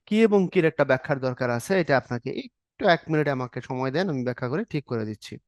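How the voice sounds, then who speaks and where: A man's voice: medium pitch, expressive, fast talker, no echo, clean studio sound. A man teaching an exam-prep Bangla grammar lesson, explaining step by step, acting out short example questions and answers, and often checking that the students are following.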